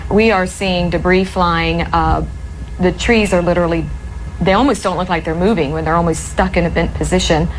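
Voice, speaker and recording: A woman working as a news anchor, ad-libbing live breaking coverage from a newsroom in a measured, explanatory way. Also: fairly low pitch, poor audio. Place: TV newsroom, indoors. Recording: clear background noise, ambient sound.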